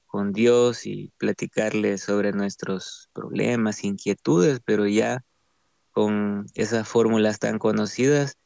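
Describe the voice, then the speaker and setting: A young man from El Salvador with a Salvadoran accent, sharing his faith testimony as a guest, in a slow, halting way with many fillers. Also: on the low side, creaky, a little mellow, dry recording. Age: young adult. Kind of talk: testimony interview.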